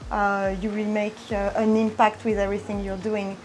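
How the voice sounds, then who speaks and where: A woman's voice: medium pitch, completely flat delivery, normal speed. A woman from France, talking in an interview and searching for her words. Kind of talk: interview talk.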